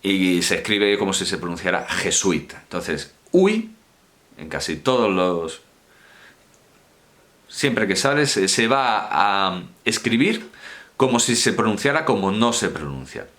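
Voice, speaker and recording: A man's voice: deep voice, lively intonation, measured pace, a bit bright. A man giving an informal university lecture, digressive and colloquial, correcting himself and repeating key words.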